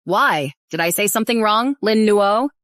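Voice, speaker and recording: A woman's voice: medium pitch, animated, normal speed, fairly bright tone, dry recording, natural voice. A woman dubbing an arrogant, spoiled young heiress who talks down to everyone, recorded dry in a studio. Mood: sneering. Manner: sneering, haughty. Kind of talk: English drama dub.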